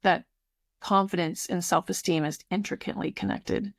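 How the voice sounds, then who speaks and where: A woman's voice: on the low side, fairly even intonation, normal speed, creaky, no echo, studio quality. A woman in her fifties who runs a tutoring program, talking effusively in a casual podcast conversation. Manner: warm, effusive, restarts sentences.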